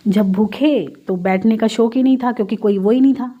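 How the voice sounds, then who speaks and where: A woman's voice: on the high side, fairly quick, muffled recording. Woman telling a heartfelt devotional story. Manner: heartfelt storytelling, often addresses the listeners directly; conversational, with everyday Hindi-English mixing. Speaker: devotee giving testimony. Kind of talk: spiritual testimony to a congregation.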